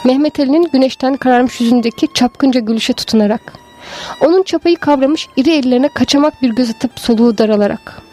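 A woman giving a slow, measured, lyrical literary narration of a story. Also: high voice, mellow, faint music behind. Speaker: story reader.

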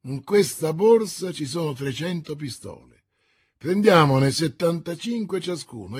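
A man doing a decisive young musketeer leader, husky, slow-paced, in an audiobook. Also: a little high, darkish tone, heavily acted. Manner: decisive, commanding.

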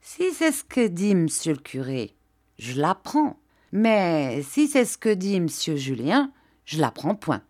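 An awkward, stammering young countryman who hedges every answer, put on by a woman reading aloud. His low-set voice still rises and falls a lot as he speaks. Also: big pitch swings, slow, darkish tone, heavily acted. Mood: evasive. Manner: stammering, hesitant, rustic speech. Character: peasant young man, awkward and evasive.

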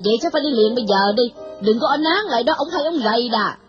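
A stern older matron scolds with a harsh, lecturing bite, as a woman reader puts her on. Her voice is pitched high and swings widely, with a soft, very breathy edge. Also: expressive, quick pace, muffled recording, faint music behind. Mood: commanding.

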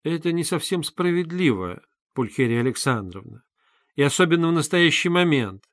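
A pompous, sarcastic middle-aged suitor, voiced by a male reader, speaks with haughty, ceremonious politeness. His voice sits high and strained in a dry, close recording. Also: a bit bright, no echo, close to an everyday voice.

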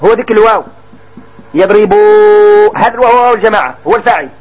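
Very high-voiced Moroccan teacher, lo-fi. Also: male voice, lively intonation, slightly rough. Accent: Moroccan Arabic. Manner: quizzes listeners and stretches example words out slowly. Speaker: grammar teacher. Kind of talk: classroom grammar lesson.

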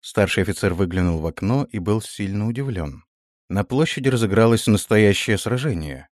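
A man narrating a fantasy story in a steady storytelling manner, voicing the characters. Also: lowish voice, normal speed, no room sound, clean studio sound. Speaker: audiobook narrator.

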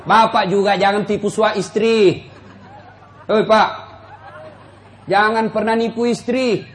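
Male preacher with a high voice, lively and joking, acts out quotes, faint noise behind. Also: takes it slowly, a faint crowd. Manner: animated, acts out quotes with big pitch jumps; jokes, addresses listeners directly. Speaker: Islamic preacher. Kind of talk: humorous sermon to a live audience.

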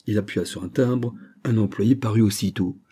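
A man reading a classic adventure novel aloud as an audiobook narrator, measured and even. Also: fairly low pitch, breathy edge. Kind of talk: scripted narration.

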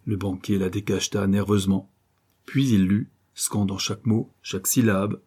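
Man, audiobook narrator, dramatic suspenseful reading, dark mellow tone. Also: lowish voice, steady tone, normal speed, slightly rough. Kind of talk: scripted narration of a novel.

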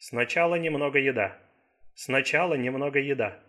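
A man voicing a menacing male stranger who speaks in broken, halting phrases, in an audiobook thriller. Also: medium pitch, pushed and bright, natural voice.

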